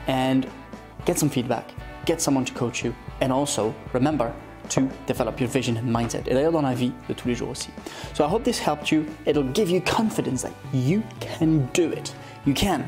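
A man's voice: mid-range voice, darkish tone. A man from Scotland, an online English teacher, giving an upbeat motivational video lesson and switching between French and English.

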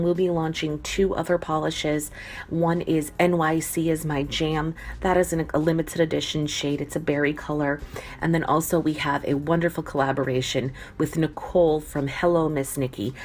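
A woman who makes nail polish giving a recorded message, earnest and measured. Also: low voice, a little hiss or hum. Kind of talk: recorded thank-you message.

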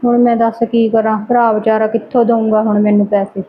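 A woman's voice: a little high, level tone, a little fast, phone-quality sound, close to an everyday voice. A woman playing a poor wife who protests against her husband and laments her fate, in an amateur family drama. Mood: lamenting. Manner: protesting, plaintive.

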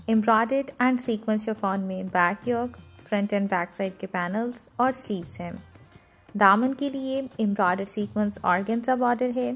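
Woman with a higher voice listing product details. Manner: steady, itemized listing of fabrics, details and prices. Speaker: fashion product presenter. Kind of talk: product walkthrough.

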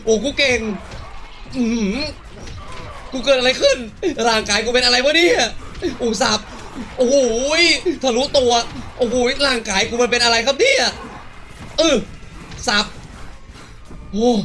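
A man streaming a horror game, talking through it with excited yelps and crude slang. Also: very high-pitched, a little slow, pauses often, a little hiss or hum. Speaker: gaming streamer. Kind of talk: let's play commentary.

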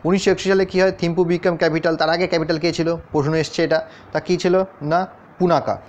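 A man's voice: on the high side, flat delivery, brisk. A man teaching an exam-prep lesson over a map, talking straight to his students and checking in with them often. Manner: addresses students directly, often checks in with questions. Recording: dull, lo-fi sound.

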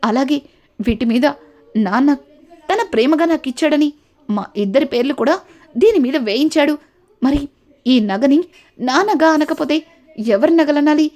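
Woman as firm young bride, emphatic, slow, somewhat lower than her own voice. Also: a little mellow, lightly acted. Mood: insistent.

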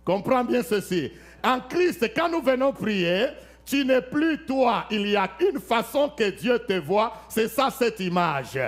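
A man preaches a church sermon in a notably high voice. He takes his time, and each phrase lands slowly and deliberately. He is emphatic and dramatic, asks the congregation questions, and changes his voice to act out the scriptures. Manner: emphatic preaching with rhetorical questions and frequent amens; dramatic, shifts voice to act out Bible scenes. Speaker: pastor. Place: church service.

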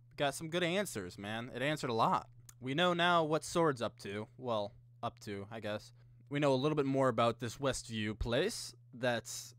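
A man's voice: mid-range voice, fairly bright tone, no echo. A young man giving casual, sweary reaction commentary, recorded close on a microphone in a small room. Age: young adult. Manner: informal, sweary. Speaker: reaction video host. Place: small indoor room at a desk. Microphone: close condenser mic with pop filter.

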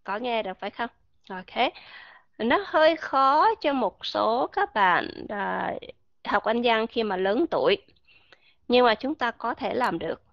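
A woman teaching a live online pronunciation lesson, patient and slowly repeating sounds to demonstrate them. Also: on the high side, animated, gravelly, a bit bright, dry recording. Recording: dry, muffled online voice chat audio.

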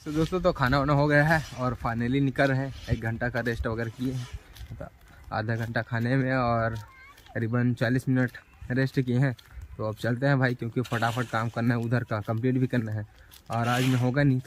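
A man's voice: medium pitch, flat delivery, brisk, a little hiss or hum. A young man vlogging casually to his viewers, filming himself with a phone at arm's length outdoors in the countryside. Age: young adult. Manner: chatty, addresses viewers as friends and brothers. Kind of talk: casual vlog. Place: outdoors, rural fields and village lanes.

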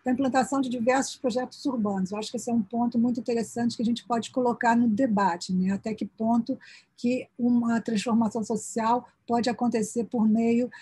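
Woman presenting at a conference on a video call, kinda husky, a bit high, lots of little tag fillers. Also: fairly even intonation, dark tone, dry recording. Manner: sprinkles "né" fillers and restarts mid-phrase; hurried toward the end of her time. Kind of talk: academic presentation with slides.

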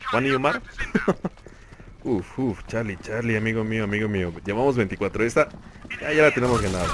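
A young man with a Mexican Spanish accent giving excitable play-by-play commentary on a shooter game, talking to himself and laughing often. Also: mid-range voice. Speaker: gaming channel host. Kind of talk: live gameplay commentary. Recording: noisy game audio behind voice. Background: gunfire and game sounds.

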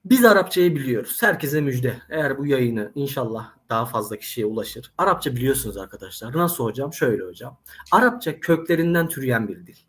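A man's voice: mid-range voice, a little fast. A man who teaches Arabic, telling anecdotes animatedly in a casual interview and speaking straight to the viewers. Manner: animated storyteller, addresses audience directly.

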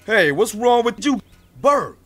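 A man's voice: extremely high pitch, very animated, measured pace, a bit bright, faint music behind, exaggerated voice. A man doing a bossy cartoon mechanic.

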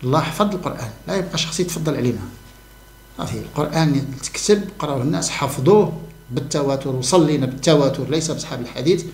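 A man's voice: a little high, animated, racing, vocal fry, darkish tone, echoey room. A man giving an emphatic monologue to camera, repeating key words for stress. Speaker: religious commentator.

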